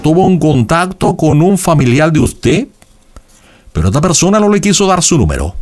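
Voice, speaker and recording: A man's voice: on the high side, big pitch swings, normal speed, darkish tone. A man playing a dramatic psychic who reads cards and shells, asking sing-song leading questions. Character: theatrical male psychic reading cards and shells. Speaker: fortune teller on a call-in. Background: background music.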